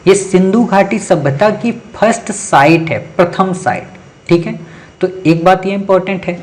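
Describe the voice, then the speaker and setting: A man teaching an exam-prep lecture, talking straight to his students, repeating key points and checking often that they follow. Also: sits high. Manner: addresses students directly, keeps checking with "ठीक है" and "समझ गए".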